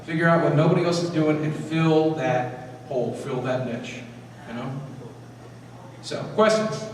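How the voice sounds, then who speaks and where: On a convention panel, a man with a voice on the high side speaks energetically and directly to the live crowd, restarting his sentences quickly. He is recorded from far off in a large, echoey hall, with noisy hall ambience in the background.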